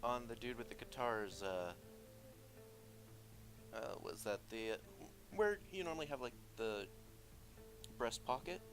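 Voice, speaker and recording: A man's voice: medium pitch, a little slow, pauses often, over music, rough recording. A man running a tabletop game, narrating casually with many fillers and restarts. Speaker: game master.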